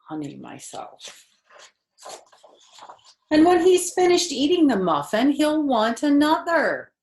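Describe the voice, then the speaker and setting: At medium pitch, an older woman reads a picture book to kids in a warm, grandmotherly, chatty style, asking her audience questions, pausing on phrases and adding casual asides to an animated read-aloud. The sound is reverberant.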